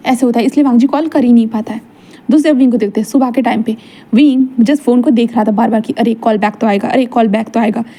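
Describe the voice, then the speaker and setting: High-voiced woman telling a story. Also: steady tone, quick pace, mellow. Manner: chatty, retells with "and then" fillers. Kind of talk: casual fan-fiction storytelling.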